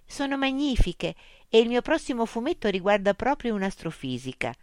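A woman's voice: on the high side, big pitch swings, moderate pace, dry recording, studio quality, pitched above the performer's own voice. A woman voicing a flustered adult woman writer who keeps apologizing. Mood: apologetic.

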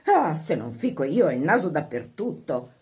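A woman voicing a snobbish social-climbing mother, bossy and fretful, in a shrill raised voice. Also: big pitch swings, normal speed, a little mellow. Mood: frantic fretting.

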